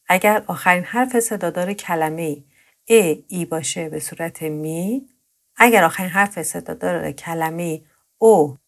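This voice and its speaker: A woman leads a grammar lesson. She explains each rule clearly and patiently. She slows down to repeat the verb forms one at a time. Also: mid-range voice. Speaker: Turkish language teacher.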